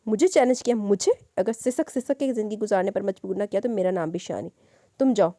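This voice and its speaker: A woman voicing an arrogant, vengeful young man in an audiobook, ranting loudly. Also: mid-range voice, fast, dry recording, clean studio sound, natural voice. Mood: furious. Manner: loud, furious ranting.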